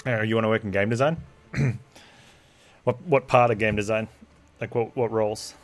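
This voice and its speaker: A man's voice: fairly low pitch, steady tone, moderate pace. A man livestreaming a game, chatting casually with his viewers as he plays. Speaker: game streamer.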